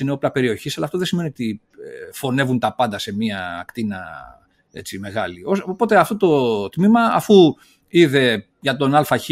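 A man co-hosting a podcast, explaining events at length in casual analytical chat, full of fillers and openly sceptical. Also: mid-range voice. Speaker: podcast co-host.

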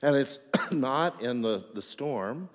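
A man's voice: mid-range voice, lively intonation, slow pace. A man preaching a sermon as a pastor, in a conversational way that keeps checking in with the congregation. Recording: echoey hall, dull lo-fi sound.

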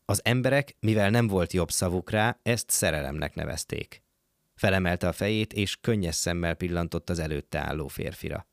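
Male audiobook narrator, deep and gravelly, dry booth sound. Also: no echo. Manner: measured storytelling.

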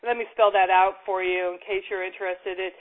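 A woman's voice: mid-range voice, fairly even intonation, brisk. A woman hosting a casual interview, upbeat and chatty, often laughing as she talks. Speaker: interview host and book editor. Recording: phone-like narrow line.

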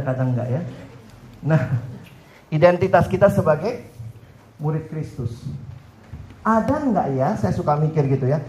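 High-voiced man preaching with playful humor. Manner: playful, joking, animated storytelling. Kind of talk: lively campus sermon. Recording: roomy hall echo, faint background noise.

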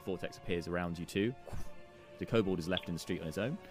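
A man narrating a tabletop game as game master, improvising and often halting to search for his phrasing. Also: low-pitched, music in the background.

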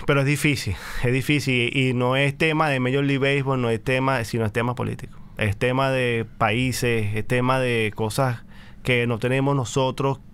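A man being interviewed on a sports podcast as a baseball league executive, answering in a measured way with many pauses and fillers. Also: mid-range voice, steady tone, a bit bright, clean tone.

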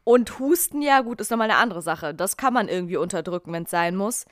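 A woman's voice: mid-range voice, lively intonation, a little fast, dry recording, clean studio sound. A young woman co-hosting a podcast in casual chat, playful and exaggerating, often laughing. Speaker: podcast co-host.

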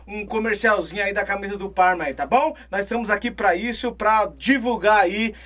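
A man hosts a live podcast in a very high voice. He chats loosely, thanks viewers for their donations and repeats filler words as he goes. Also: brisk, a bit bright. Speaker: podcast host.

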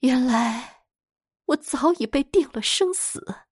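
A woman voicing a jealous, tormented young woman who swings between high cries and breathy whispers. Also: big pitch swings, a little slow, dry recording, clean studio sound, heavily acted. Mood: mournful.

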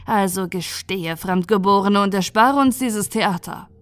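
A woman's voice: mid-range voice, measured pace, fairly bright tone, no echo, studio quality, faint music behind, lightly acted. A woman voicing a ruthless female inquisitor who speaks in a cold, commanding, contemptuous way. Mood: stern.

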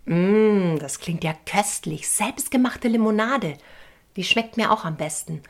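A woman's voice: mid-range voice, expressive, a little slow. A woman co-hosting a children's show, talking directly to the kids and introducing a song.

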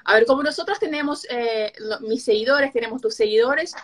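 Hosting a relaxed live-stream chat, this woman speaks briskly in a slightly high voice. She's from Brazil, a native Portuguese speaker, and her Spanish carries a Uruguayan-Argentine accent.

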